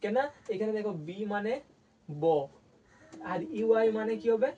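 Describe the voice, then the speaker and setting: A man's voice: high voice, steady tone, unhurried, mellow, distant mic, highs cut off. A man from West Bengal teaching a language lesson. He asks questions and answers them himself, and repeats each word he teaches. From West Bengal, India. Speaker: English teacher.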